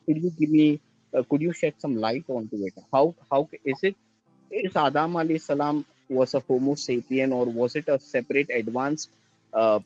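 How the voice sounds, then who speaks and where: A man from India, calling in with questions, halting and restarting as he searches for words. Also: medium pitch, a little mellow. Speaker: caller. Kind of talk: call-in question to a religious show. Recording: dull lo-fi call line.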